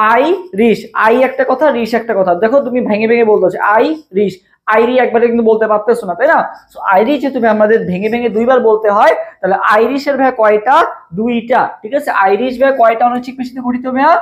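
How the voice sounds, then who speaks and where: A young man with a Bangladeshi Bengali accent runs a rapid live exam-prep class. He talks at a brisk clip and circles back to the same question again and again, coaxing his viewers to answer. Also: very high-pitched. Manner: fast, repetitive, drills each question over and over. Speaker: admission test tutor.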